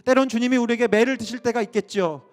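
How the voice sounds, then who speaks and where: A man's voice: extremely high pitch, fast, soft background music. A male pastor preaching an impassioned sermon full of rhetorical questions.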